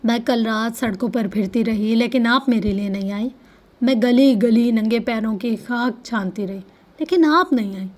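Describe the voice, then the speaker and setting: A woman voicing a bitter, vengeful young woman who shouts and then goes cold and clipped, in a storybook reading. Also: fairly high pitch, close to an everyday voice. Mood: furious.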